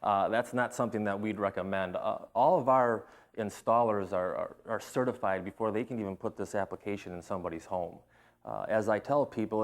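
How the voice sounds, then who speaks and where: A man explaining a product in an interview as a trade representative, plain-spoken and somewhat halting. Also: fairly low pitch. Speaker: interviewed flooring company representative.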